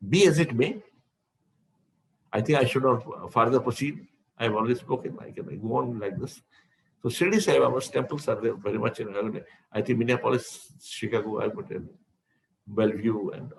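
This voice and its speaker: Indian English man, gravelly mid-range voice, spiritual teacher, rambling and repetitive delivery. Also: medium pitch, low-quality recording. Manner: discursive, repeats words while searching. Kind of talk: speaking to devotees in an online session.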